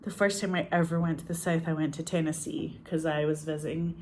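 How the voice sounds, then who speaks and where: A Scottish actress and filmmaker chats casually, rambling through stories, laughing often and saying "like" constantly. Her voice is low and a little mellow, with little pitch movement and a slightly fast pace. There's slight background noise.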